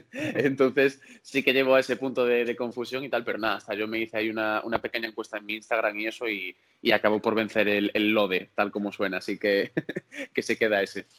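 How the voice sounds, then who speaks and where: A man's voice: on the low side, little pitch movement, fairly quick, a bit bright. A young man from Galicia, a singer interviewed on a podcast, who talks hesitantly, repeats words, and laughs often. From Galicia, Spain. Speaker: singer and guest.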